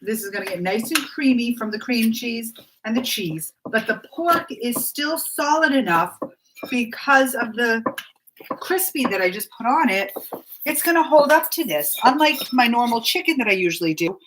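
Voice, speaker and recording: A middle-aged woman talks through a recipe in a relaxed, chatty way while she cooks, turning to greet her viewers now and then. She is in her home kitchen, and dishes and pans clatter clearly behind her voice. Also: a little high, noisy background. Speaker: cooking vlogger. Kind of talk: casual live cooking chat.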